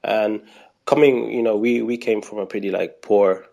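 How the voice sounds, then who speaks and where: Gravelly low-voiced Aruban man. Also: fairly even intonation, normal speed, a little mellow. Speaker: podcast guest. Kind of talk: casual interview chat.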